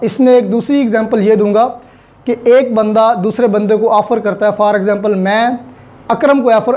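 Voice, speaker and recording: Speaking in a high, mellow voice with a Pakistani accent, a male law lecturer takes a relaxed approach. He works through the material step by step using examples, posing questions and then answering them himself. English terms and phrases turn up throughout his speech.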